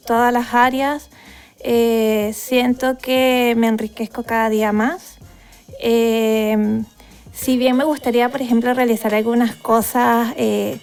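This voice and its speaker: Casting: young Venezuelan woman researcher, hesitant and filler-heavy, voice a touch high, soft music under the talk. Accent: Venezuelan Spanish. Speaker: guest researcher. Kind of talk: podcast interview.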